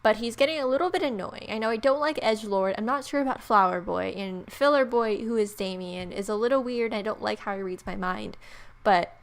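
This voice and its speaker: With a creaky, mid-range voice and a brisk pace, a woman narrates game text in a playful let's play, adding joking, informal remarks. Game music plays behind her.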